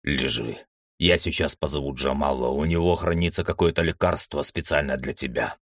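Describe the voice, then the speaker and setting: A man doing a gruff old corporal. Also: moderate pace, no echo, studio quality. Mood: quiet. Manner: low, quiet, curt. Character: gruff grey-haired old corporal, protective.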